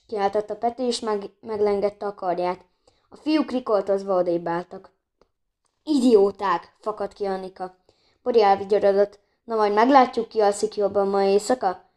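A woman's voice: medium pitch, a little mellow. A woman reading a children's book aloud, who often stumbles and restarts words. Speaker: audiobook reader.

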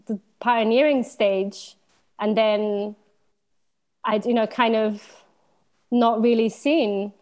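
A woman from Slovenia in her thirties, a DJ guest talking in a relaxed, thoughtful way, with many pauses and easy laughs. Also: fairly high pitch. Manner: thoughtful, hesitant, laughs easily. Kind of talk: casual interview chat.

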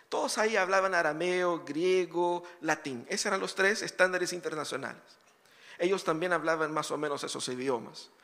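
A man's voice: high voice, a bit bright. A man pastor preaching a sermon in a conversational way, full of rhetorical questions and casual asides. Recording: long hall reverb.

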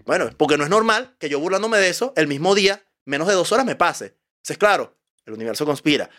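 Lively Venezuelan man telling stories. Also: fairly high pitch. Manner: animated storytelling, quick shifts in pace. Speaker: guest comedian. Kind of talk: casual podcast conversation.

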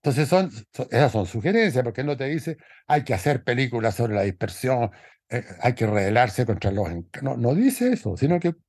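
A man's voice: medium pitch, sing-song, normal speed, darkish tone, breathy edge, no echo. Male podcast co-host, mid-range voice, dry close sound, rambling and reflective delivery. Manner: thoughtful, rambling, many restarts. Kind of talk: casual film discussion.

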